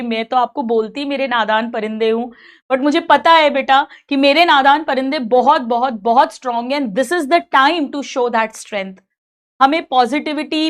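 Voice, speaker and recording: A middle-aged woman teacher giving a caring, motherly talk to her students, mixing English phrases in and repeating herself for emphasis. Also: high voice. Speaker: coaching teacher.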